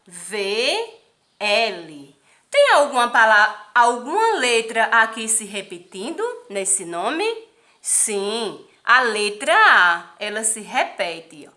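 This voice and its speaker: A woman teacher, giving a slow literacy lesson to young children, counting aloud and asking questions. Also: a little high, sharp tone. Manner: asks many questions, counts aloud, tag questions like "não é isso?". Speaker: primary school teacher. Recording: echoey room, mic at a distance.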